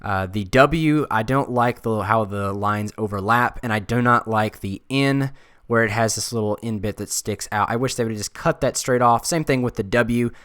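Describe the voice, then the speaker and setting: Smooth-voiced young man, casual. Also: on the low side, moderate pace, no echo, clean studio sound. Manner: relaxed, thinking aloud with frequent uhs. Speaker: design video creator. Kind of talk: casual screen-recorded tutorial talk.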